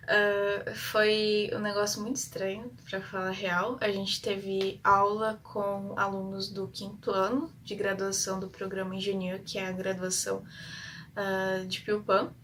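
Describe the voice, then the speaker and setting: A woman's voice: mid-range voice, little pitch movement, a little slow, a bit bright, distant mic, a little hiss or hum. A young woman from Brazil, an exchange student, chatting casually about her studies, rambling with many fillers and English terms. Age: young adult. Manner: shy by her own account. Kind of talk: casual vlog storytelling.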